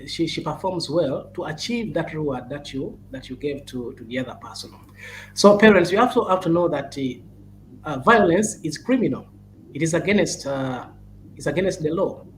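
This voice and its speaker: A man's voice: on the high side, a little hiss or hum, low-quality recording. A man, speaking as a child-protection advocate. He halts often on "uh", restarts his phrases, and urges parents and caregivers earnestly. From Uganda. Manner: halting and repetitive, with many "uh"s and restarts, urging earnestly.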